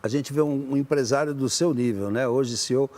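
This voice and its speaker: A man's voice: mid-range voice, fairly quick, darkish tone. A man with a Brazilian Portuguese accent hosting a talk show with jokey, theatrical banter.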